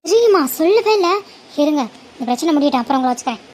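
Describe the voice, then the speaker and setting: A woman plays a stern cartoon mother who scolds and shouts. Her voice stays high and sharp with demands. A faint hiss runs underneath. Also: animated, rapid-fire. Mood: shocked, irritated. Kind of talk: homemade animated cartoon dialogue.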